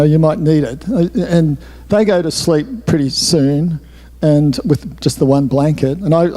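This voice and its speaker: A man's voice: on the high side, warm tone. An author telling a candid, rambling story with asides, speaking in a hall with his slides. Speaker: author giving a talk. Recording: roomy hall reverb.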